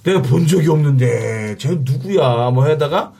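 A man's voice: on the high side, unhurried, gravelly, husky. A man guest telling a funny story in casual chat, acting out the voices of the people in it. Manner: animated, acts out the voices in his story. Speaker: guest comedian.

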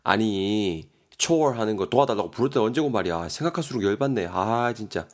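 A man's voice: lowish voice, lively intonation, a little fast. A man with a Gyeongsang Korean accent reading the lines of a frustrated young man who complains in a story. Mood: exasperated.

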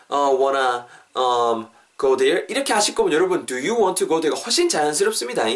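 A man's voice: a little high, far from the mic. Chatty man teaching English, mic set back. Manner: lively, chatty, drills English phrases slowly and deliberately. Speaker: English teacher and podcast host. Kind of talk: casual spoken English lesson.

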